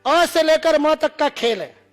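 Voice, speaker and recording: A man's voice: very high-pitched, animated, slow, fairly bright tone, faint music behind. A man from India lecturing to students, demonstrating sounds and teasing the audience with humor.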